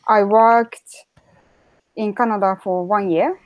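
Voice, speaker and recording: Give me a slow, halting woman with a Japanese accent, dry and close on a video call. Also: medium pitch, fairly even intonation, no room sound, highs cut off. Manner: careful, halting, searching for words. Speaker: guest. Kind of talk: casual podcast chat.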